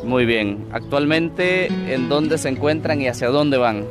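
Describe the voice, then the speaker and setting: A young man, a priest, calmly interviewing two people on a city street, recorded with a lapel mic. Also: medium pitch, a little slow, music in the background. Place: outdoors on a city street under trees.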